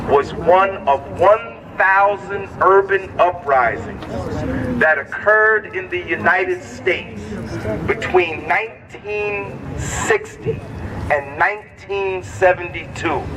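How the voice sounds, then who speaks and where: A man delivers a rally speech outdoors in a fairly high voice. He speaks deliberately and declaratively as the leader addressing a crowd. He sounds far from the microphone, with clear street and vehicle noise around him. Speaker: rally leader, community organizer. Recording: distant mic, noisy outdoor street with traffic.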